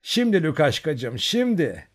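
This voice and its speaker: A man's voice: on the high side, huge pitch swings, measured pace, voice pushed up, heavily acted. A man putting on a fluttery old village mother. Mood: flustered. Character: excited old village woman, a doting mother.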